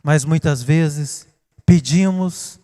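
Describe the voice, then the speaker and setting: A man with a Brazilian Portuguese accent preaching a sermon, dramatic, swinging from hushed to loud. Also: fairly high pitch, drawn-out words. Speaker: pastor. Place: church. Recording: reverberant church hall.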